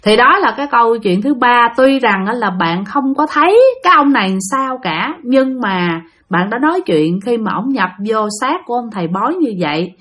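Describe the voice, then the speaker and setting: A woman's voice: fairly high pitch, expressive, normal speed, few pauses, fairly bright tone. A woman telling listener-sent ghost stories in a chatty way, addressing her audience directly. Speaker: storyteller. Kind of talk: casual ghost story narration.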